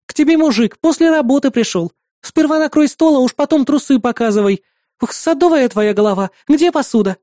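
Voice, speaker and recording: A woman's voice: high-pitched, animated, fairly quick, dark tone, no room sound, studio quality, pitched above the performer's own voice. A woman voicing a bossy, sarcastic middle-aged female neighbor in an audiobook. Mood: scolding. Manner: scolding, indignant, sarcastic. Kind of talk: audiobook character voice.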